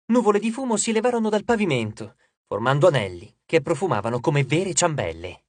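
A man narrating an audiobook in an expressive, lively storytelling manner, recorded in a studio. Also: on the high side, a little fast, no room sound. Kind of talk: scripted narration.

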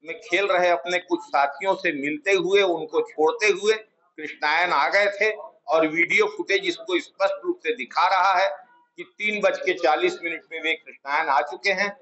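Middle-aged man, high voice, formal press-statement delivery, measured and insistent, lapel mic indoors. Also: bright, forceful tone, lo-fi sound. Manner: measured, emphatic, repeats key words for stress. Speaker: Congress party spokesman at a press conference. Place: small office room, indoors. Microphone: clip-on lapel mic, table of press mics.

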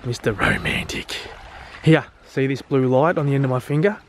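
A man's voice: mid-range voice, expressive, moderate pace, gravelly, a little hiss or hum. Australian man, travel vlogger, blunt, crude, swearing, jokey. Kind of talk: casual travel vlog commentary.

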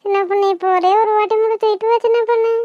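A woman's voice: very high-pitched, steady tone, very fast, dry recording. A woman voicing a desperate female ghost mother in a cartoon, begging over and over for help to see her child. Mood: pleading. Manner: begging, repeats pleas over and over. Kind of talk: cartoon voice acting. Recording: dull lo-fi, dry.

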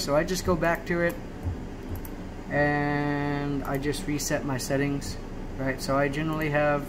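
Over a noisy background hum, a higher-voiced man makes an improvised screen tutorial at a laptop in a small room. He's halting and keeps checking in with things like "right?", filming the screen on a handheld phone.

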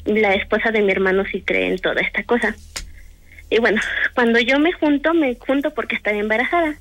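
Woman guest, higher-pitched voice, casual and hesitant storyteller. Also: fairly quick, a bit bright, slight background noise, rough recording. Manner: hesitant, many fillers and restarts. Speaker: guest telling a paranormal story.

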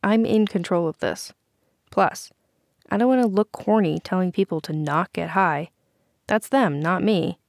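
A woman's voice: fairly low pitch, measured pace, vocal fry, darkish tone, no room sound, clean studio sound. A woman voicing a laid-back teenage boy who hosts a party and talks in an easygoing, dismissive way.

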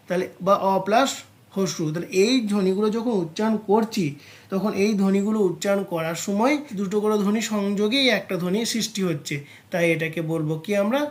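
West Bengal teacher quizzing students aloud. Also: mid-range voice. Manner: addresses students directly, poses and answers its own questions; spells out sounds slowly as examples. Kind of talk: exam-prep grammar lesson.

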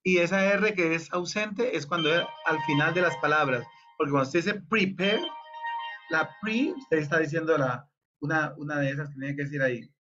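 A man's voice: sharp tone, dull audio, soft background music. A man directing a choir rehearsal, explaining the lyrics and singing phrases to demonstrate them. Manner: explains slowly, sings phrases in falsetto-high demonstrations.

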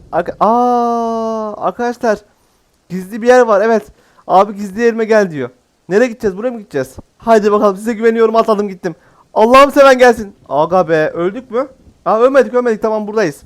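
A man giving casual, jokey let's-play commentary as a gaming YouTuber, exclaiming often. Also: high-pitched.

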